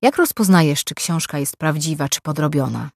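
A man's voice: fairly high pitch, animated, moderate pace, creaky, no room sound, clean studio sound. A woman voicing a blunt young man who asks probing questions. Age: young adult.

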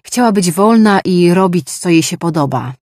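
Brief: reader doing a serious male magician, steady report, dry read. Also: medium pitch, normal speed, no echo, close to an everyday voice. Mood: grave. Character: grave male mind-reading magician. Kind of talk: audiobook dialogue.

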